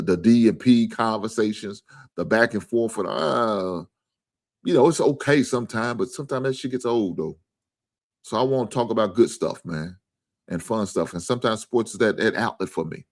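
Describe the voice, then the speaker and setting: A man hosting a live sports stream in casual, profane talk, earnest and repetitive. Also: on the low side.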